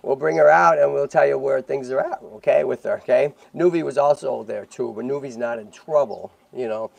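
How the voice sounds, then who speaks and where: A man's voice: medium pitch, brisk, creaky, darkish tone, no echo, highs cut off. A man hosting a tortoise rescue livestream in casual chat, talking in a chatty way and checking in often with "right?" and "okay?".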